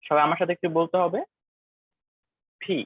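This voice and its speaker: Male pronunciation teacher, fairly high voice, slow repeated drilling, tinny dry call audio. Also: steady tone, no room sound. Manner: drills words slowly and repeatedly, mixing English phrases in. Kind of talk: live online pronunciation lesson.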